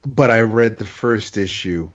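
A deep-voiced man talks comics in a relaxed, halting way, often stumbling over repeated words. His remote call audio glitches and breaks up. The sound is dull and lo-fi. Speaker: podcast co-host. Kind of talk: casual chat reviewing comics. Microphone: remote video call.

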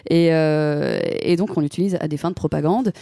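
Gravelly, mellow man giving facts. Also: on the high side, moderate pace, no echo, clean studio sound. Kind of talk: casual podcast chat.

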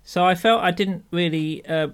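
This podcast co-host is a British man with a high, smooth voice at a moderate pace. Chatting casually, he often restarts what he's saying, sounds hesitant and self-correcting, and slips in dry humour.

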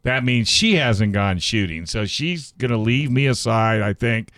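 A man's voice: mid-range voice, lively intonation, unhurried, a bit bright, a little hiss or hum. Chatty man hosting talk radio. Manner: chatty, folksy, reads sponsor spots. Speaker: radio show host. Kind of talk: casual radio chat.

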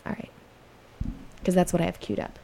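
A woman's voice: brisk, warm tone, slight background noise. A woman hosting a jazz radio show, chatting casually and playfully with her guest at a studio microphone. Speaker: radio host.

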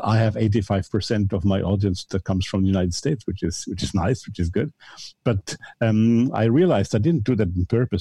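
A mature man answering interview questions in a measured, carefully qualified, conversational way. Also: lowish voice, warm tone, dry recording. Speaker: podcast guest, esotericism podcaster.

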